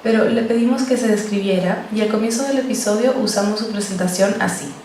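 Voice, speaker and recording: A woman giving a talk on podcast journalism, explaining interview technique in a clear, steady way. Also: medium pitch, a little fast. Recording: roomy echo, distant mic, faint noise.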